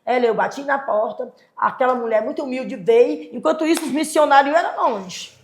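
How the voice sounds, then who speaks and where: A woman, her voice pitched a little high, tells her testimony loudly and with animation. She keeps checking that her listener is following. The room around her rings with a noticeable echo. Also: brisk. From Fortaleza, Brazil. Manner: loud voice, keeps checking in with "certo?". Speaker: guest, evangelical clothing seller.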